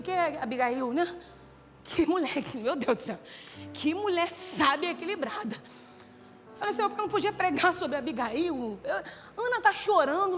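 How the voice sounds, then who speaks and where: A woman preaches in a very high, bright voice that swings from shouted calls to soft, quiet asides. Her sermon rings through a church hall with a long reverb tail. Faint music plays underneath. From Brazil. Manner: swings between loud shouted exhortation and soft quiet talk.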